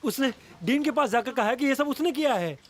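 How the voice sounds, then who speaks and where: A man's voice: very high voice, animated, fairly quick. An actor dubbing an exasperated male teacher who scolds a troublesome student. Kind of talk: Hindi dub of a TV drama.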